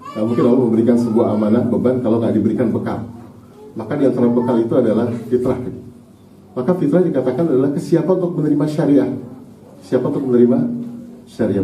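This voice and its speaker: A man's voice: mid-range voice, mellow, slight background noise. Indonesian man lecturing in a mosque. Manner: conversational, often asks the audience "sepakat?". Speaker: Islamic teacher giving a parenting talk. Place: mosque hall. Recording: echoey hall, recorded from a distance.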